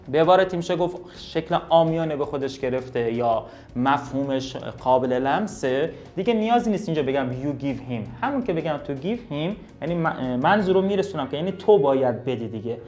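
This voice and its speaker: A man's voice: fairly high pitch, expressive, a little mellow, faint music behind. A man teaching English vocabulary and grammar, explaining emphatically and talking directly to his students. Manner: drills words, slows down to read sentences.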